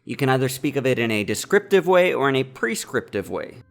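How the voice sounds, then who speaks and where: A man delivering a deadpan, mock-serious satirical monologue as a vlogger. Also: medium pitch, fairly quick, creaky.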